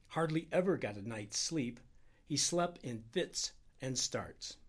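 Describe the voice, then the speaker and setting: Guy reading a story aloud, husky voice, big swings in pitch, dramatic. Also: darkish tone. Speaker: reader. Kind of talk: scripted narration.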